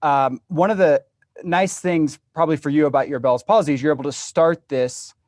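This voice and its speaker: A man's voice: on the high side, normal speed, darkish tone, no room sound, clean studio sound. A man chatting casually and jokingly as a guest on a talk show. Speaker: guest, fiscal policy director.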